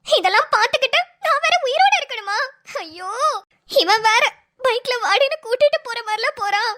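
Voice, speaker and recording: A woman's voice: extremely high pitch, animated, brisk, sharp tone, heavily acted. A woman voicing a jealous young ex-girlfriend in a cartoon, whiny and pleading. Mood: worried. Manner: whiny, pleading, self-pitying. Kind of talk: cartoon dialogue.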